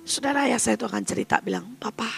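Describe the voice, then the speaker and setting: A male evangelist telling a story in a sermon, animated, acting out the people he quotes and addressing his listeners directly. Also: sits high, quick pace, vocal fry, breathy edge, soft background music.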